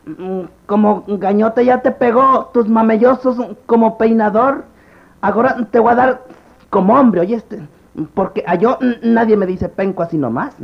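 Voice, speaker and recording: A man playing a cocky, blustering, bungling rustic barber in a slapstick comedy sketch, with a pinched, creaky voice and a Central American accent. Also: sits high, unhurried, lo-fi sound, full character voice.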